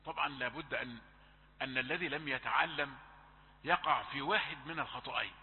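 A man teaching Quran recitation rules, slowly drawing out letters and correcting mistakes. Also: mid-range voice. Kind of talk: tajweed lesson with recited examples. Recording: tinny phone-like audio with long reverb.

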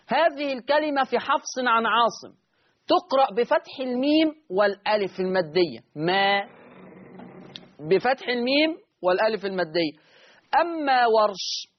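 A man with an Egyptian accent teaching Quran recitation on a call-in lesson, repeating each point slowly so listeners can write it down. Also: sits high, highs cut off. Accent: Egyptian Arabic.

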